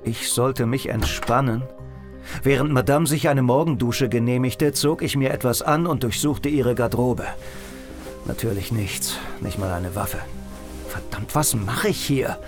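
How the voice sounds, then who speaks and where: An actor playing a world-weary hard-boiled private detective, narrating in the first person with dry, sardonic humor. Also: male voice, mid-range voice, measured pace, music in the background, lightly acted. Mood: wry. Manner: dry, sardonic inner monologue. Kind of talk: first-person noir audio drama narration.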